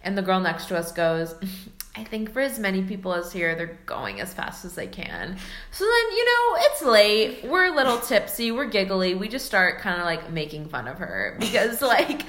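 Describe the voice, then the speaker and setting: A young woman on a podcast, casually telling a story in an animated, giggly way and acting out what people said. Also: mid-range voice, normal speed, echoey room. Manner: animated, giggly, acts out quoted voices. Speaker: podcast host.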